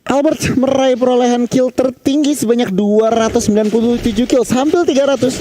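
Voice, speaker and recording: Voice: medium pitch, brisk, mellow, poor audio. An esports analyst with an Indonesian accent giving colloquial, emphatic commentary on a match. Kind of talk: casual analytical game commentary. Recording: faint background event noise.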